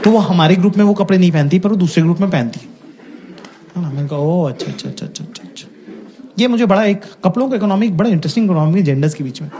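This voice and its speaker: A man's voice: high voice, rapid-fire. A man performing a stand-up comedy routine, telling stories and acting out the people in them. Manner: animated storytelling, acts out quoted voices. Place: comedy venue with a laughing audience, played back in a reaction video. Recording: loud crowd laughter and noise.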